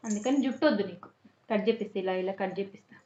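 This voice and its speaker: A woman's voice: medium pitch, fast talker, darkish tone, slight background noise. A mother, coaxing and teasing her toddler in sing-song questions. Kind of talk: playful chat with a small child. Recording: muffled echoey home room.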